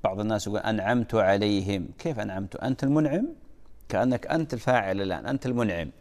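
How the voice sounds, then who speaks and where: A man's voice: lowish voice, expressive, very fast, a little mellow. A man giving a religious lesson as a preacher, emphatic and drilling correct pronunciation. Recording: long reverb of a large hall.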